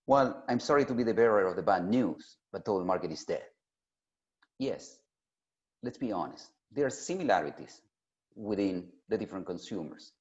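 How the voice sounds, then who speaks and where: A man delivers a prepared keynote address, speaking emphatically and deliberately with pauses for emphasis. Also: fairly low pitch, a little mellow. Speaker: keynote speaker at an industry summit. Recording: dull, lo-fi sound.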